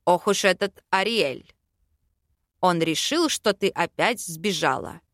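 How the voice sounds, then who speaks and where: A woman puts on a gentle male elf king for a storybook, speaking low and quiet with a touch of fond grumbling. The voice is lowered well below her own and sits close and dry, with no room around it. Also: big pitch swings, unhurried, no echo, full character voice. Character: man, elf king, calm, affectionate fiancé.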